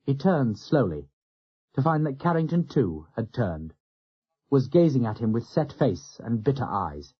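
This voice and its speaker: A man narrating a war novel as an audiobook in a measured, dramatic way. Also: medium pitch, sing-song, husky. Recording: dull lo-fi audio.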